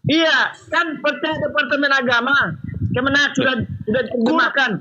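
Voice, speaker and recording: A man's voice: extremely high pitch, steady tone, moderate pace, dull audio, background noise. A man as a debate guest, defensive and curt, repeating himself. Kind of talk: heated debate.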